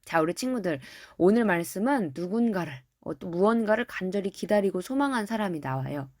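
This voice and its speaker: A woman preacher telling a Bible story to children in a gentle, direct way, often turning to speak to them. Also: medium pitch, expressive, fairly quick, no echo, studio quality.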